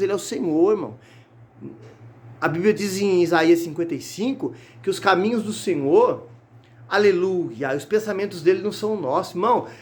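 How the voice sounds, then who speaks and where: A man preaching a fervent sermon in a church, reading Bible verses aloud and often crying out hallelujah and brothers. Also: a little high. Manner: repeats words and restarts while reading. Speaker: evangelist preaching on a Bible chapter. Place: church sanctuary.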